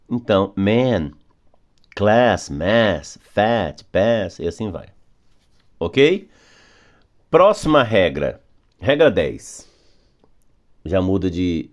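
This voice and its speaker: A man who speaks Portuguese natively, teaching English phonics patiently, slowing down on rules and repeating examples. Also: sits low, lo-fi sound. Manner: patient, repetitive, drawing out key words slowly. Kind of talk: phonics lesson explanation.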